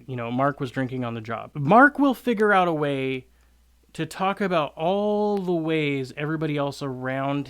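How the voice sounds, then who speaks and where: A man talking casually as a creator giving interview tips, conversational with many fillers, acting out quoted answers. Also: mid-range voice. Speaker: content creator giving hiring advice to cooks. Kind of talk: casual advice monologue.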